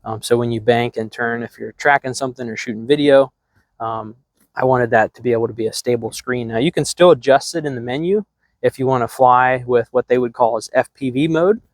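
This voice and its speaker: A man's voice: mid-range voice, a little fast, dry recording. A middle-aged man hosting a drone hobby channel, talking casually to camera with lots of ums and restarts. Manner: relaxed, rambling, many ums and restarts. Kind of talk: casual product talk to camera.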